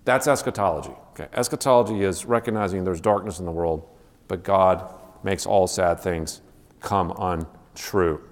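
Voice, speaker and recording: A man's voice: low-pitched, normal speed, in a large hall. Enthusiastic male teacher lecturing. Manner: enthusiastic, frequent restarts and asides. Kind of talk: classroom lecture with read-aloud passages.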